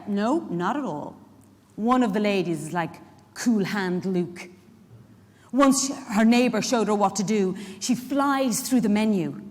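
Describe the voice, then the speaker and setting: Speaking a bit high, an Irish-accented woman gives a live dramatic monologue as a feisty care worker who fiercely protects her charges. The tone is wry and chatty, conversational, with rhetorical questions thrown to the audience. This actor's stage reading is captured in a large, echoing indoor event hall.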